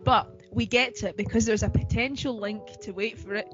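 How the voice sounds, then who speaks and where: A woman's voice: mid-range voice, steady tone, a little fast, muffled recording, faint music behind. A woman co-hosting a podcast in casual chat, talking in a chatty, giggly way with lots of fillers. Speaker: podcast co-host.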